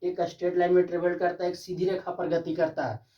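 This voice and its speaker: A man teaching a physics class, asking and answering his own questions and slowly dictating definitions. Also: high-pitched, little pitch movement. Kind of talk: classroom lecture. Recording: dull distant classroom recording.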